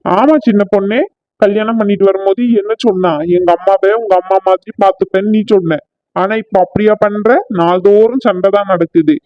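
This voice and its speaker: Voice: mid-range voice, fairly even intonation, fairly quick, no room sound, muffled recording, close to an everyday voice. A performer playing a defiant, exasperated married son in a cartoon family comedy. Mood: lecturing.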